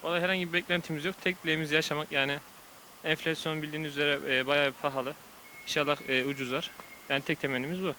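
A man's voice: on the high side, fairly even intonation, very fast, bright, forceful tone, low-quality recording. A man giving short, casual answers in a street interview. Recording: faint outdoor street noise.

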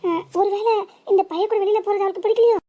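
A woman's voice: very high voice, fairly even intonation, fast, warm tone. A woman voicing a bossy, nosy elderly mother-in-law in a cartoon, with a scolding, teasing manner. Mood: gossipy. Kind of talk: animated cartoon voice acting.

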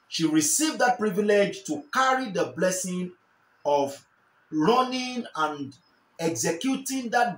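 A young Nigerian man preaches with fervour, his high voice rising and falling in wide sweeps. He repeats his key lines for emphasis. The sound carries the echo of a small bare room. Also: fairly bright tone. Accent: Nigerian English. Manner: fervent, repeats key phrases, gestures while preaching. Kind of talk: sermon to camera. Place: small indoor room, seated in armchair.

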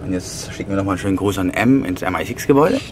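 Racing through his lines with lively intonation, the low-pitched vlogger in his thirties makes short, wry comments to the camera he holds at arm's length. He competes in bodybuilding and vlogs on the go, from trains and taxis to streets, hotels and gyms, so the handheld footage is full of loud background noise.

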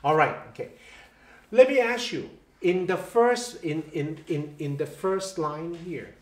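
A man's voice: on the high side, unhurried. A man teaching a one-on-one piano lesson, patient, checking in with "okay?" and counting beats aloud. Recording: roomy echo with faint piano.

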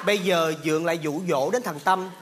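A man's voice: a little high, a little fast, background noise, close to an everyday voice. A man playing a blunt, teasing young family member who mocks and reproaches the others, in a live stage comedy skit. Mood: mocking.

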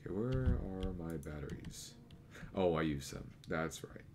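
A man's voice: sits low, expressive, a little slow, noisy background. A man giving casual gameplay commentary, rambling and correcting himself as he thinks aloud. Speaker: let's play gamer. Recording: keyboard clicks and typing audible. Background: computer keyboard clicking.

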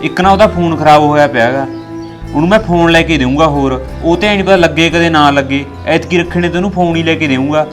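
A man with a Punjabi accent speaks fast and earnestly in a village family drama, his voice a little high for a man. He reassures and reasons, and soft music plays under him. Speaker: son talking to his mother.

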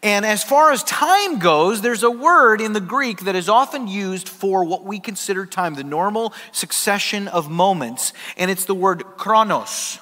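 A male pastor preaching a sermon, telling a humorous personal story with lively, animated delivery in a church. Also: sits high, unhurried, few pauses. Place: church sanctuary. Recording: reverberant church hall.

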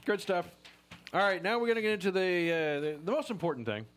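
A man's voice: high-pitched, expressive, brisk, a bit bright, a little hiss or hum. A man in his forties hosting a casual live-stream chat from a small studio on a headset mic, joking as he reads product copy aloud. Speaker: show host. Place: small studio room with posters and string lights.

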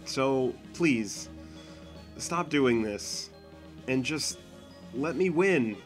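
A tearful, remorseful young goat monster boy from a game, speaking softly and earnestly, as a man voices him. His voice sits in a middle register. Clear background music plays under the lines. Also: medium pitch, lively intonation, drawn-out words. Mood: pleading, remorseful. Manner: soft, pleading and earnest. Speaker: fan voice actor. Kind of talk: fan dub of a game scene.

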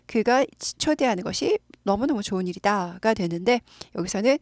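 Speaking Korean, a woman explains English grammar with patience and runs repeat-after-me drills, repeating words again and again for practice. Her voice is medium in pitch, a little mellow, lively in intonation, and a little fast, with no room sound.

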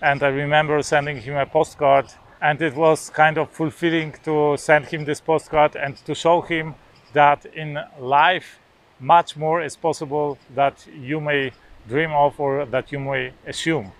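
A man's voice: on the high side, little pitch movement, a little slow. A man in his forties from Poland, a native Polish speaker, talking casually to the camera outdoors on a beach lawn, hesitant with many filler sounds and restarts. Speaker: vlogger.

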